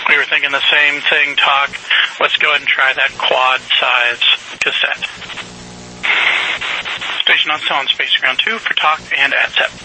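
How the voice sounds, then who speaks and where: A man's voice: mid-range voice, fairly even intonation, measured pace, bright, forceful tone. A man working as a mission control communicator, giving procedural instructions in clipped phrasing over a crackly space radio link.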